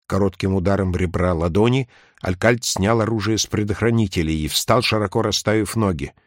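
A man narrating an audiobook in a measured, even reading on a close mic. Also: deep voice, no echo. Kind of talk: scripted narration.

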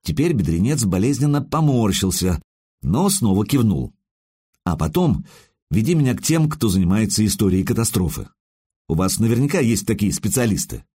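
A man narrating an audiobook in the first person, in an expressive, conversational way. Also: fairly low pitch, normal speed, slightly rough.

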